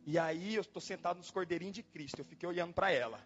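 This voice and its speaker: A pastor preaching in a church, telling a personal story in a dramatic way, exclaiming and repeating himself. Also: male voice, high voice, fast. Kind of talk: storytelling sermon. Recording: dull lo-fi sound with faint music.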